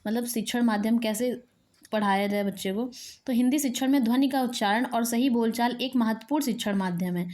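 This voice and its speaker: A woman's voice: a little high, a little mellow. A woman teacher giving an exam-prep lecture, reading each point aloud and then explaining it again in plain words.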